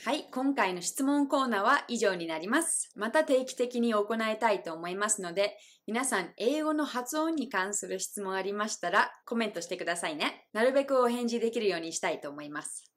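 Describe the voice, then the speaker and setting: A young adult woman, a native English speaker, teaches pronunciation in a friendly video lesson. She's bright and upbeat, with a medium-pitched, expressive voice, and models each phrase slowly and clearly.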